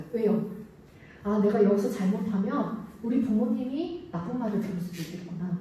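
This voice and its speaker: A woman's voice: sits high, mellow, slight background noise. A woman preaching a children's sermon who asks the kids questions and answers them herself. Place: church sanctuary. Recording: echoey church hall, mic at a distance.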